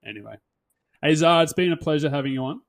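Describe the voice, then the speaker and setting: A man's voice: fairly high pitch, fast talker, vocal fry, no echo, clean studio sound. A man co-hosting a casual film podcast, chatty and rambling, often laughing along with his friends. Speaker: podcast co-host. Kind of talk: casual chat.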